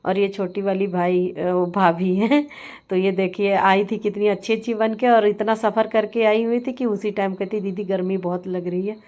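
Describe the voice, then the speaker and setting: A woman's voice: medium pitch, flat delivery, moderate pace, darkish tone. Chatty woman narrating a family vlog. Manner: chatty, laughing, storytelling. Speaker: vlogger. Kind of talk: casual vlog voice-over.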